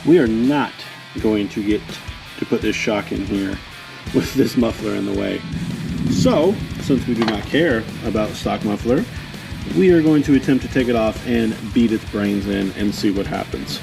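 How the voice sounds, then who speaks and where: The host of a DIY motorcycle garage video talks through his work in a casual, wry, tongue-in-cheek manner. His voice is fairly low and creaky, his pace moderate, and music plays underneath.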